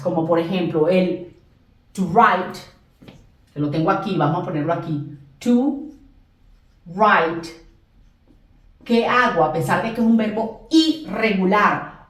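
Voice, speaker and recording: Lively woman teaching in an echoey room. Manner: repeats and drills examples slowly, stressing English words higher. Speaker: English teacher. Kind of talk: classroom lesson explanation. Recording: echoey room, distant mic.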